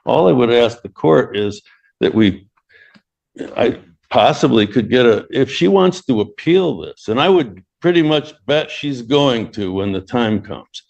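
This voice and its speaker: A man arguing as an attorney in court, measured and restarting his phrases often. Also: mid-range voice, very animated, gravelly, darkish tone, muffled recording. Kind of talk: courtroom argument.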